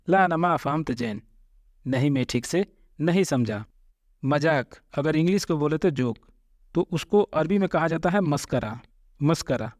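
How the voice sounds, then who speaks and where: A man's voice: a little high, no room sound, clean studio sound. A man teaching Arabic phrases step by step. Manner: repeats each phrase slowly, then explains it word by word. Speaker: language teacher. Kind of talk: spoken Arabic lesson.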